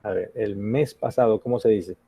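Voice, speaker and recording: A man's voice: fairly low pitch, normal speed, dark tone, breathy edge, no echo, poor audio. A man teaching an English grammar lesson in Spanish, patiently asking the class questions and checking in with "ok?".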